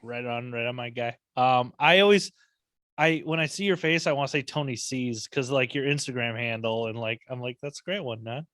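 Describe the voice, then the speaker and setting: Male podcast host, relaxed rambling delivery, casual cursing, dry close sound. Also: medium pitch, normal speed, dry recording. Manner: laid-back, swears freely, rambling.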